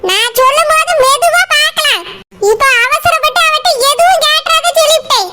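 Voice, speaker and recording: Woman voicing an old village grandmother, cartoon, bossy, scolding, Tirunelveli Tamil accent, very high piping voice. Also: normal speed, bright, forceful tone. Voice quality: shrill, scolding. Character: bossy old grandmother, scornful mother-in-law.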